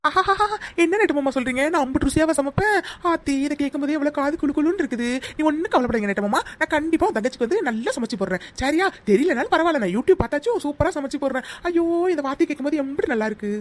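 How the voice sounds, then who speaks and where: A woman's voice: high-pitched, lively intonation, rapid-fire. Woman playing a bossy young village wife. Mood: boastful. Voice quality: loud, scolding village banter. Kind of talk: cartoon voice acting.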